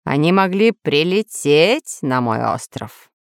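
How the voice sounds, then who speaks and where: A woman's voice: deep voice, animated, measured pace, clear, resonant tone, dry recording, clean studio sound. A woman voicing a boastful, villainous male scientist who rules dinosaurs, pompous and threatening in a storybook reading. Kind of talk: storybook narration.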